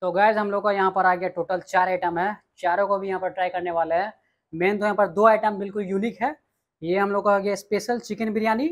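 In a small indoor restaurant dining room, a Bihari food vlogger tastes dishes and tells his viewers which ones to try. His voice is high-pitched, fairly even and a little fast, and there's faint music in the background.

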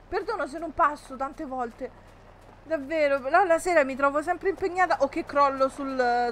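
A woman's voice: high voice, fairly bright tone, a little hiss or hum. A woman, chatting jumpily with viewers and laughing often while she plays a game on a live stream. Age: 30s. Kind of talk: casual live-stream chat while gaming.

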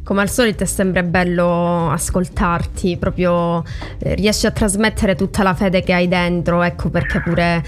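A woman's voice: on the low side, little pitch movement, measured pace, soft background music. A woman in her thirties with a Sicilian accent, hosting a casual interview from a small room at a desk microphone. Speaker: host. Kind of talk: casual video-call interview. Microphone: desk microphone on a boom arm.

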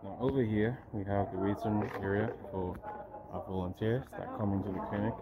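A man in his thirties leading a casual walking tour of a clinic, relaxed and pausing often with fillers, recorded on a phone he holds. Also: fairly low pitch, very noisy. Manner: relaxed, pauses with frequent fillers. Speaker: foundation representative giving a clinic tour. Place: outdoor yard and indoor clinic rooms. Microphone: phone camera held while walking. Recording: dull lo-fi phone audio with loud crowd. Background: loud crowd chatter.

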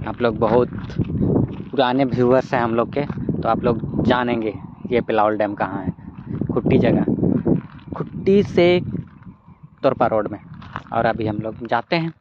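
A young man chats to his viewers on a casual vlog by a dam, speaking at a middle pitch. The sound is a little muffled and recorded on a phone, with loud wind blowing over it. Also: a little slow, pauses often. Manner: chatty, addresses viewers directly. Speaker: vlog host. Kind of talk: casual outdoor vlog chat. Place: outdoors by a dam.

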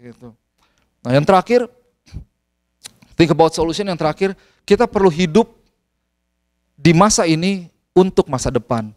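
A man with an Indonesian accent preaching a sermon in a lively way, acting out bits of dialogue and slipping into English phrases. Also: a little high. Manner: animated, mixes in English phrases, acts out dialogue. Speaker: pastor.

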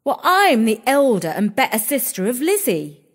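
A narrator voicing a bossy, bad-tempered elder sister who scolds and domineers in a shrill, high voice. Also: sing-song, moderate pace, fairly bright tone. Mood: haughty. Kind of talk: storybook character voice.

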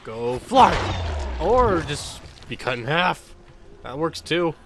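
A man narrating a video game as he plays, reacting loudly, swearing and laughing. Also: fairly high pitch, very animated, takes it slowly, slight background noise. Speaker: gaming YouTuber. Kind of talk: let's play commentary.

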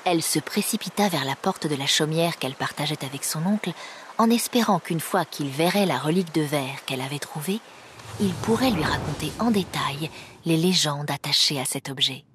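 A woman narrating a storybook game in a calm, measured way. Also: deep voice, a little hiss or hum. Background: game music.

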